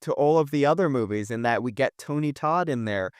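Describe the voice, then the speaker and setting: A man's voice: medium pitch, expressive, a little fast, clear, resonant tone, no room sound, studio quality. Enthusiastic man gushing about movies. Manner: emphatic, gushing, swears, many fillers. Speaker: podcast co-host. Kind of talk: casual movie review chat.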